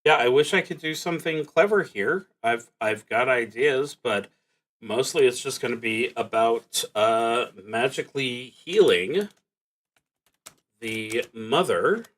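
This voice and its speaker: On a stream, a man plays a solo tabletop roleplaying game, reading the prompts aloud and musing to himself in a halting way. His voice is medium in pitch with lively intonation.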